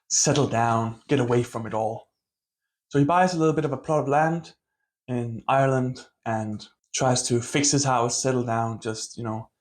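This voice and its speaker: Male book reviewer, mid-range voice, relaxed conversational read, hedging and self-deprecating. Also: medium pitch. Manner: conversational, full of hedging qualifiers like "kind of" and "a little bit". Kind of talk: casual book review to camera.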